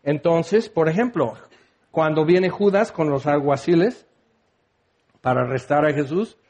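A man preaching a sermon in an animated, conversational way with jokey asides. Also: fairly high pitch, unhurried.

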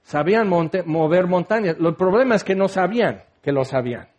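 A man preaching a sermon in an animated, conversational way with jokey asides. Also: sits high, a little fast, muffled recording.

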